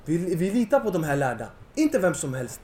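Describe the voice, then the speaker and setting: Young male lecturer, high-pitched, fervent, echoey hall sound. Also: sing-song. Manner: impassioned, rising to near-shouting. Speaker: Islamic lecturer. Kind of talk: Islamic lecture to young audience.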